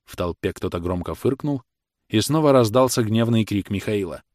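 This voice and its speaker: A man narrating a classic novel in a measured, dramatic reading. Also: lowish voice, animated, a little mellow, no room sound, studio quality. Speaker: audiobook narrator. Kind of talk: scripted audiobook narration.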